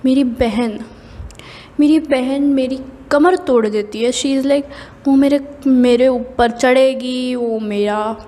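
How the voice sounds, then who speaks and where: A young woman from India telling an animated, exasperated storytime at home by a window, switching between Hindi and English. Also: high-pitched, slow, long reverb tail. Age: young adult. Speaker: vlogger. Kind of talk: casual storytime monologue.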